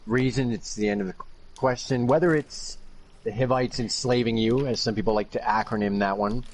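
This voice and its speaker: A man's voice: medium pitch, fairly even intonation, moderate pace, low-quality recording. Sardonic rambling man chatting casually. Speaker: podcast co-host. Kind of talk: casual chat.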